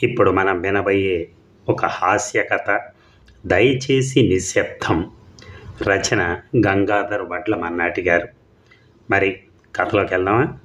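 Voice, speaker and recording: A man narrating a humorous story in a relaxed, storybook style with playful asides. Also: low-pitched, takes it slowly, long pauses, slight background noise.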